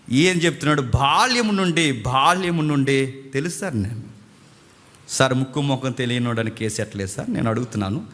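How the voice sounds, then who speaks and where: A man preaching a sermon in an animated way, often acting out court scenes in quoted voices. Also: mid-range voice. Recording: long hall reverb.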